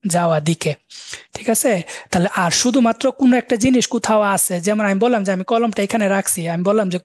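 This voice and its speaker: A man's voice: sits high, no room sound. Man, language teacher, patient repetition, dry close sound. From Bangladesh. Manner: repeats and slowly spells out words. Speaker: German teacher. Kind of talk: live online class explaining vocabulary.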